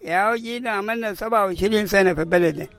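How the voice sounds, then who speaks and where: A man's voice: high-pitched, racing, creaky, fairly bright tone, no echo. An 80-year-old man from South Sudan, a refugee giving short, plain answers in an interview. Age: 80s.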